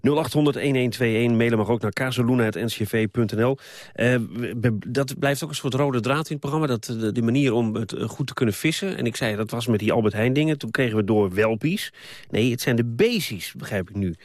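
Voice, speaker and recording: A man's voice: medium pitch, quick pace, a little mellow, no echo, studio quality. A man hosting a late-night radio call-in show, chatting in a friendly, hesitant way with many fillers. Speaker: radio host. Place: radio studio. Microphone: studio mic.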